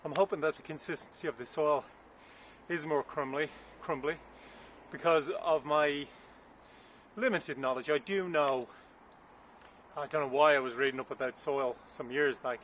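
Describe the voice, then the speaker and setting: A man's voice: a little high, steady tone, moderate pace, fairly bright tone. Man, gardening vlogger, out of breath, rambling and thinking aloud outdoors; light wind and traffic noise. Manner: chatty, thinking aloud, unsure asides. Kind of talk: casual vlog narration while digging. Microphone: camera on a stand.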